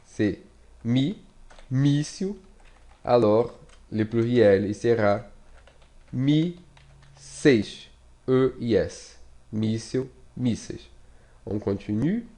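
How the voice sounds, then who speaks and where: A man with a Brazilian Portuguese accent teaching a casual online language lesson in French, speaking slowly with many fillers and restarts, repeating and spelling out words as he types. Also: fairly low pitch, dark tone.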